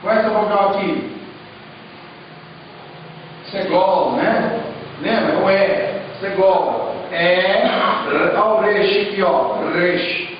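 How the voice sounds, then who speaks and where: A man's voice: high voice, steady tone, takes it slowly, long pauses, a little hiss or hum. A man with a Brazilian Portuguese accent teaching a Hebrew class and explaining step by step, often checking that the students follow. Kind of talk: classroom lecture. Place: church classroom. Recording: muffled, echoey room, distant mic.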